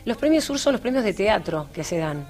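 A woman's voice: mid-range voice, sing-song, brisk, darkish tone. A woman with an Argentine accent hosting a radio show, talking in a playful, enthusiastic way. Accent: Argentine Spanish. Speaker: radio host. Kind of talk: casual radio talk.

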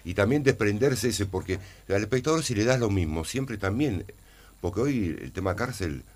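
An Argentine man, an actor in a casual interview, who speaks haltingly and often repeats words while searching for them. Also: lowish voice, expressive, darkish tone, slight background noise. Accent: Argentine Spanish.

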